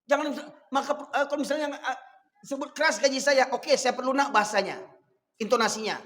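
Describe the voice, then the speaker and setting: A man's voice: very high voice, fairly quick, a bit bright, in a large hall. A man with a Minangkabau accent preaching a sermon, fiery and scolding. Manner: fiery, scolding, switches between dialect and Indonesian.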